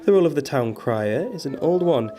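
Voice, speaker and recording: A man's voice: fairly high pitch, animated, a little fast, dark tone, faint music behind. Male local news reporter, scripted narration.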